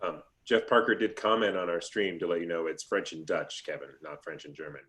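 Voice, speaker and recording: Low-voiced man hosting a talkback. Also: steady tone, brisk, fairly bright tone. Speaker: moderator. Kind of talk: casual video-call talkback. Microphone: video call.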